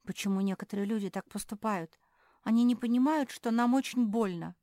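A timid little male dog from a storybook, as a woman reader puts him on, high and strained with fright. The voice sits close and dry against the mic. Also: a little fast, mellow, dry recording, close to an everyday voice. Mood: frightened. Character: young male dog, timid and easily scared.

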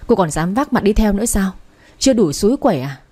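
A woman's voice: medium pitch, very animated, quick pace, slightly rough. A woman voicing a middle-aged mother who pleads and scolds in an audiobook story. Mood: bitter. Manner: pleading, sharp.

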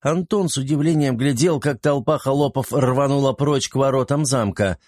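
A man narrating a fantasy audiobook in a brisk, vivid storytelling manner. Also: medium pitch, a little mellow, no room sound, studio quality.

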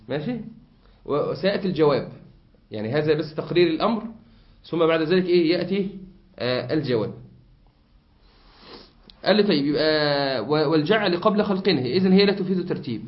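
A man's voice: a little high, expressive, fast, pauses often. A man with an Egyptian Arabic accent teaching a classroom lesson, explaining a text patiently and quizzing his listeners with fill-in questions. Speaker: sheikh teaching a grammar text. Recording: echoey room, muffled lo-fi sound.

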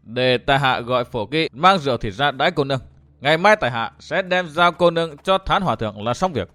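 A man reading a story aloud and voicing a calm, good-humoured young swordsman who teases gently and chuckles. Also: mid-range voice, brisk. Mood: gentle teasing.

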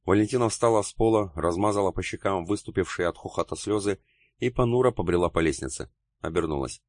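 A man narrating an audiobook in a steady, measured way. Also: deep voice, dry recording, clean studio sound.

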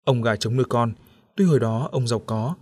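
A male voice reads a story aloud for an audiobook, his delivery steady and even. His pitch sits right in the middle of a typical man's range. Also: a little fast. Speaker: audiobook narrator. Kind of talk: scripted story narration.

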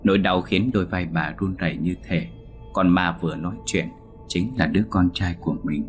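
A man narrating a ghost story in a slow, somber storytelling tone. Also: low voice, faint music behind.

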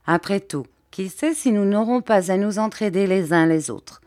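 A woman's voice: mid-range voice, darkish tone, no echo, studio quality, natural voice. A woman voicing a composed English scientist. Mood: grave. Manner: measured, formal speech. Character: composed English male scientist, grave and formal.

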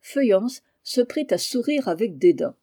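An audiobook reader narrating a classic novel in a measured, even literary reading. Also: medium pitch.

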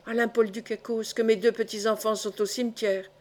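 A woman's voice: fairly high pitch, flat delivery, a little fast, a little mellow, natural voice. A woman voicing an angry old poacher. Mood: angry, fearful. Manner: angry, fearful. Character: older male poacher, grandfather, angry yet fearful.

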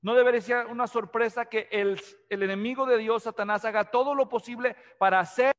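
A man's voice: very high voice, fairly even intonation, a little fast, a bit bright, long reverb tail, muffled recording. A man from Mexico preaching an expository sermon, often asking the congregation questions. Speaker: pastor.

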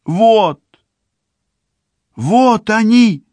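A man's voice: a little high, extremely slow, clear, resonant tone, no echo, clean studio sound, pitched above the performer's own voice, full character voice. Man voicing a frantic young woman crying out. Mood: desperate shouting. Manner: shouting, pleading, tearful. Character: desperate young woman calling for her mother. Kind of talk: audiobook character voice.

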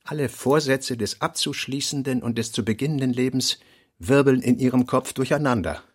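For a radio play, a man reads literary notes and prose in deliberate, clipped phrases separated by pauses. His voice is medium in pitch with a breathy edge.

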